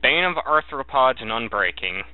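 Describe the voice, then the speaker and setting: A man giving casual, halting game commentary, thinking aloud as he plays. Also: medium pitch, expressive, clear, resonant tone, dry recording. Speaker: gamer narrating a let's play. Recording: thin, narrow phone-like sound.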